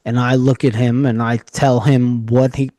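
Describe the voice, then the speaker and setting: A man with a New York area accent, co-hosting a casual podcast and telling stories in an animated, joking way. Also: medium pitch, normal speed, dry recording. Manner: animated storyteller, jokey. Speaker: podcast co-host.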